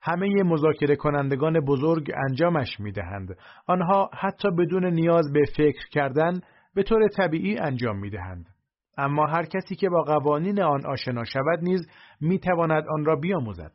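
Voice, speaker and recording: A man's voice: on the high side, animated. Male audiobook narrator, dull lo-fi sound. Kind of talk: first-person audiobook narration.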